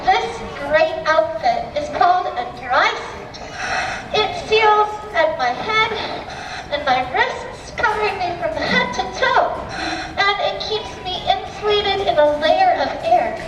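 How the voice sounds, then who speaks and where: A woman diver in an aquarium tank giving a clear, friendly educational talk through her full face dive mask microphone, her voice played over loudspeakers. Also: very high-pitched, expressive, slow pace. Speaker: aquarium diver presenting to visitors. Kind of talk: educational presentation. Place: underwater in an aquarium tank, heard in a public hall. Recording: echoey loudspeaker heard from far off in a public hall. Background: noisy ambience.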